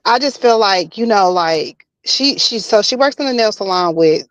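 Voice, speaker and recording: A woman talking casually and personally as a guest, halting and repeating herself as she searches for words. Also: mid-range voice, lively intonation, dry recording, highs cut off. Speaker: guest telling of being bullied online.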